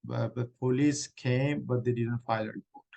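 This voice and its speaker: A man playing a middle-aged woman refugee claimant in a mock hearing role-play, answering haltingly with many restarts. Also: mid-range voice, steady tone, creaky, warm tone, muffled recording, lightly acted. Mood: earnest.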